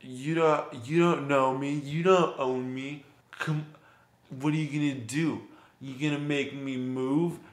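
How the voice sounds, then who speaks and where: A man's voice: medium pitch, steady tone, measured pace, voice pushed up, natural voice. A man voicing a very drunk, confrontational man who keeps repeating himself. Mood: belligerent. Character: belligerent very drunk adult man. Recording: roomy echo.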